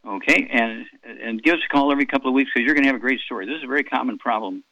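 Bright-voiced man in his eighties on radio. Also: medium pitch, rapid-fire, no echo, dull audio. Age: 80s. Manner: rambling, repeats product doses, many fillers. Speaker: radio health show host. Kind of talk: call-in radio advice.

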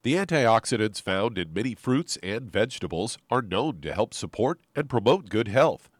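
A man speaking as a smooth radio host and announcer, reading a scripted spot in a measured way. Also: on the low side, big pitch swings, no echo, studio quality. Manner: smooth, measured, slow on repeated numbers.

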